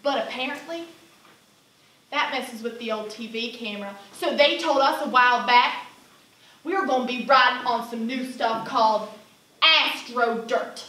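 Captured from afar by a camera in a theater, with echo and noise, a young adult woman performs a stage monologue. Her bright, forceful voice sits on the high side at a moderate pace as she plays a sardonic, fed-up rodeo cowgirl, brash and salty, with a folksy, emphatic Southern US delivery.

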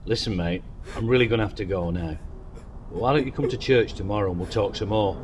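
A man's voice: lowish voice, fairly quick, soft background music. A man who leads a church, playing himself in a comedy skit, talking casually with mild exasperation. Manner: casual, mildly exasperated, calls everyone mate. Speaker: senior church leader.

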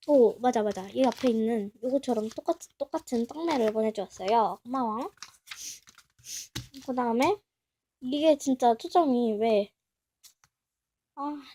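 A young woman with a high, mellow voice chats through an unboxing at home. She is excitable and gushes as she talks to herself. The feel is relaxed and homemade. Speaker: vlogger. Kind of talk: casual unboxing chat.

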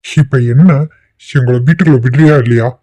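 A man's voice: mid-range voice, a little fast, dark tone, dry recording, lightly acted. A man in his twenties voicing a defiant young husband arguing with his mother in a cartoon. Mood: insistent. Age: 20s. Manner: defiant, insistent. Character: defiant young husband, 25, hot-headed son. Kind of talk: cartoon voice acting.

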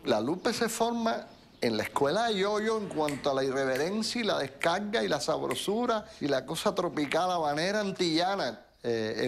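A man giving expressive commentary in a documentary interview. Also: fairly high pitch, gravelly, a little hiss or hum.

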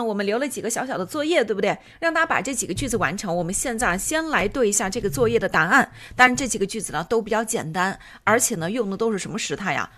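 A woman's voice: medium pitch, a bit bright. A woman teaching an English grammar lesson, patiently explaining step by step, asking rhetorical questions and switching between Chinese and English example sentences.

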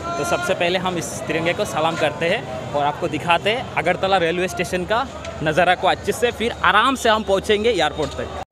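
A man in his thirties from Tripura, India, walks through a busy outdoor railway station talking to a phone camera held at arm's length. This travel vlogger is chatty and relaxed, guiding viewers around at a moderate pace in a voice that sits high, over music. The outdoor phone recording picks up the surrounding crowd's chatter and passing vehicles.

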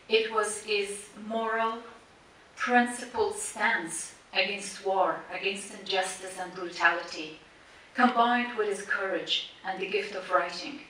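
Introducing a tribute screening, a native Persian-speaking woman gives a measured memorial speech she prepared, standing at a stand mic on stage in a big cinema auditorium. Her mid-range voice sounds pushed and bright, with deliberate pauses between words in her lists. The audio, taken by a faraway camera in the audience, is echoey with a faint hiss.

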